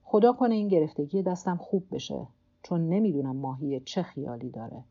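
Here a woman with a low voice and lively intonation plays an old, weary fisherman alone at sea in an audiobook. He mutters stubbornly to himself and to his cramped hand, and the audio sounds dull.

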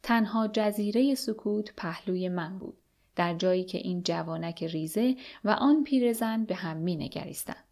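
Brief: woman audiobook narrator, even and measured storytelling. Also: medium pitch. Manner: steady, measured first-person narration. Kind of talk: audiobook reading of a novel.

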